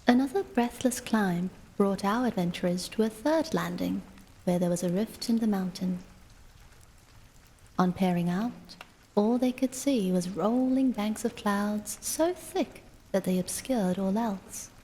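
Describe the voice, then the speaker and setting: A woman reading a bedtime storybook aloud in a soft, hushed, unhurried way, as a whispered role-play. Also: medium pitch, slightly rough, in a large hall.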